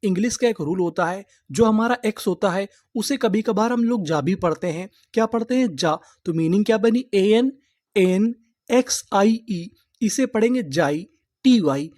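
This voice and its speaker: A man gives a reading lesson in a steady, mellow voice. The sound is dry and close, with no room around it. He spells words letter by letter and asks quick questions that he answers right away. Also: high-pitched, no room sound. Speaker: English teacher. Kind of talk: online spelling and vocabulary lesson.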